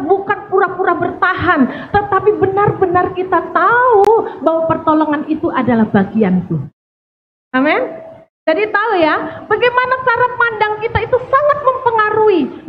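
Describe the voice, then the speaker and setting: A woman delivers a sermon in a bright, high voice. She talks in a lively, chatty way and keeps asking the congregation questions. The sound is a somewhat dull church recording with faint noise behind it. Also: moderate pace. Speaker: preacher. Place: church service.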